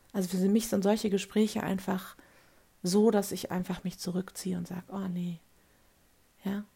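A female life coach speaks directly to her listener in an earnest, motivational monologue. Her mid-pitched voice carries a steady gravelly fry, and she frequently checks in with quick questions seeking agreement.

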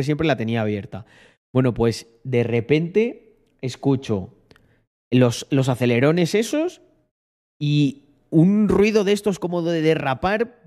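A man's voice: medium pitch, darkish tone. Spanish man telling a slangy anecdote. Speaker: vlogger. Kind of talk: casual storytelling.

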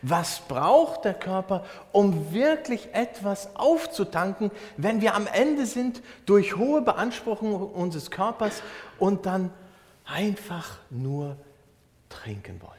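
A German pastor preaching in a conversational way, explaining a Bible verse with everyday examples. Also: male voice, high-pitched, expressive, takes it slowly, a little mellow. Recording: long hall reverb.

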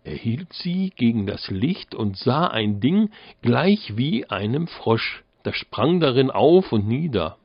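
A man narrating a fairy tale as an audiobook, in a measured, deliberate manner. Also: medium pitch, big pitch swings, gravelly, breathy edge, no echo, muffled recording.

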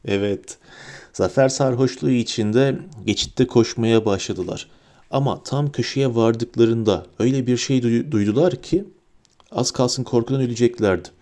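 A man narrating a storybook in a lively, dramatic reading. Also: medium pitch, normal speed. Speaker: audiobook narrator.

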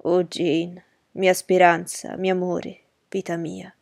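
A man playing an anguished brooding gentleman. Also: high voice, monotone, slow, gravelly, dry recording, heavily acted. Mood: tender. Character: brooding anguished gentleman pleading with his love. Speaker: Mr Rochester. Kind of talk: radio drama acting.

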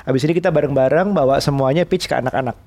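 A man co-hosting a casual podcast chat, agreeable and quick to affirm. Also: mid-range voice, darkish tone. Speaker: podcast co-host.

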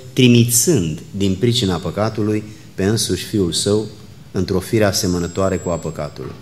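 Solemn low-voiced male pastor. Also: darkish tone, slight background noise. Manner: measured, solemn reading that slows into fervent prayer. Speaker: visiting pastor. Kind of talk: scripture reading, prayer and church greeting. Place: church sanctuary. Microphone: microphone.

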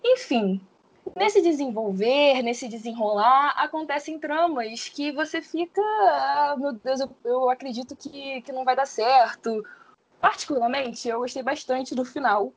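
High-voiced young woman. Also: normal speed. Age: 20s. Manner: explains at length, with frequent hedging fillers. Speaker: podcast guest. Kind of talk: casual podcast discussion.

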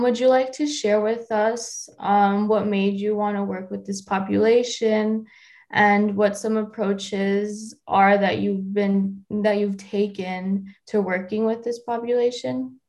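A woman's voice: mid-range voice, steady tone, takes it slowly, darkish tone. Young woman, podcast co-host, upbeat, friendly. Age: young adult. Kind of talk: casual podcast chat.

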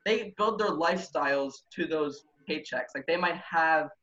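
A man's voice: a little high, moderate pace, sharp tone. A young man hosting a podcast, talking in an eager, casual way with lots of fillers. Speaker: podcast host. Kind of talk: casual interview talk. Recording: roomy, dull lo-fi sound.

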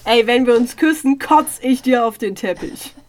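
Lively high-voiced young woman, quick reactions. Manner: reacts with exaggerated outbursts, mixes English words in. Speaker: guest taking quizzes. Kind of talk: casual chat.

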